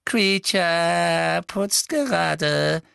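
A man voicing a bitter old male house-elf servant who mutters insults under his breath in a high, thin voice. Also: extremely slow, vocal fry, sharp tone, clear, resonant tone, no echo, studio quality, full character voice. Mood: servile scorn. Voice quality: muttering, wheedling, high and far-off. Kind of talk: audiobook character voice.

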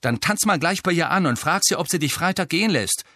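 A man's voice: mid-range voice, very animated, brisk, fairly bright tone, no room sound, studio quality. A man reading an audiobook, voicing an angry teenage girl who captains a sports team. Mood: furious. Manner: angry, hissing, jabbing.

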